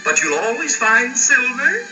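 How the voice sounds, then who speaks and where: A hammy male cartoon narrator delivers a western spoof in 1930s radio serial style. His high voice swoops hugely and takes its time, grandiose one line and chummy the next. It sounds like a distant vintage soundtrack with a clear orchestral score behind it. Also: sing-song, unhurried, music in the background, heavily acted. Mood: chummy, playful.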